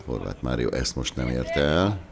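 A man commentating on a local football match in an unhurried, wordy, reflective way. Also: rumbling low, sing-song, creaky.

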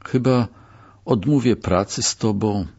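A talkative prisoner mutters his excuses in a low, plain voice, as a male narrator plays him. He sounds apologetic and simple. The recording is dull and lo-fi. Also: a little slow, darkish tone, breathy edge. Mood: sheepish.

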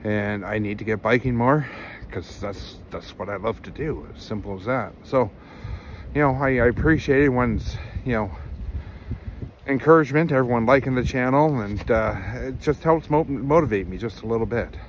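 A middle-aged man vlogs casually on a winter trail, holding his phone at arm's length and rambling earnestly with plenty of ums and uhs. His voice is mid-range at a moderate pace, with a little hiss or hum in the recording.

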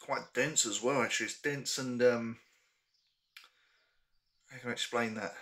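A man's voice: mid-range voice, fairly even intonation, a little slow, a bit bright. A young man chatting casually to camera in a small room as he reviews a beer, hesitant with frequent ums.

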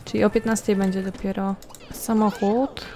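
A woman talks through her game in a relaxed, chatty way. She often turns to the viewers and bosses her characters around. Her voice sits in a middle pitch, with a faint hiss of background noise under it. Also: moderate pace. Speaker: gameplay commentator. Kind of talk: casual let's-play commentary.

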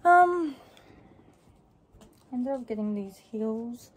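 This young adult vlogger drawls her words in an animated, slightly high voice while chatting offhandedly about a haul in a small room. She rambles a bit, and faint background noise sits under the audio.

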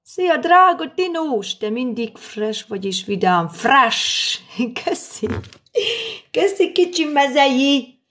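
A woman's voice: fairly high pitch, a bit bright. A middle-aged woman chatting on a live stream while cooking in her daughter's kitchen, answering and thanking viewers as she works. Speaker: livestream host. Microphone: phone camera.

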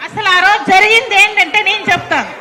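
A woman's voice: very high-pitched, quick pace, pushed and bright, some chatter behind. A middle-aged woman, telling an interviewer in urgent, insistent detail what happened to her son. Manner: urgent, insistent retelling, often addressing the listener as sir. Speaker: mother recounting an incident. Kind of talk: emotional spoken account to an interviewer.

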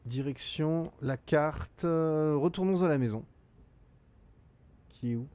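A man's voice: fairly high pitch, takes it slowly, a little mellow. A middle-aged man streaming a game live, reading out chat and thinking aloud with frequent hesitations.

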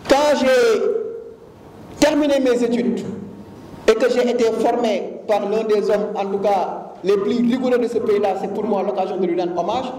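A man's voice: sits high, measured pace, dark tone, slight background noise. Earnest man at a roomy press conference. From Senegal. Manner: earnest, emphatic, with frequent hesitations. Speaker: business leader at a press conference. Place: conference room. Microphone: handheld mic among a cluster of press mics. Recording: roomy hall from a distance.

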